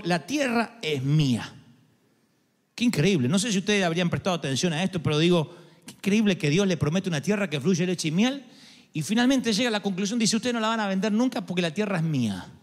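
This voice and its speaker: A man preaching a sermon to an audience, animated, acting out the voices of God and of people, and talking straight to the crowd. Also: high voice. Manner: addresses audience directly. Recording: long hall reverb with faint music.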